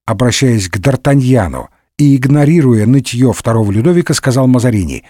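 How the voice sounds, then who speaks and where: A male narrator with a mid-pitched voice tells a comic story with a lively, rising and falling delivery. His reading is playful and expressive, as in a humorous audiobook. The recording is close and dry. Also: a little fast, no room sound.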